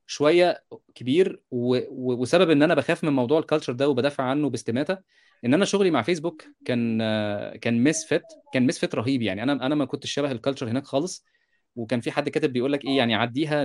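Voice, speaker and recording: A man in his thirties with an Egyptian Arabic accent, co-hosting a podcast, telling animated stories in quick bursts and checking in with his listeners. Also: medium pitch. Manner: animated, rapid storytelling with repeated "you understand?" asides. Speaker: podcast co-host, software developer. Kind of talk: casual podcast discussion.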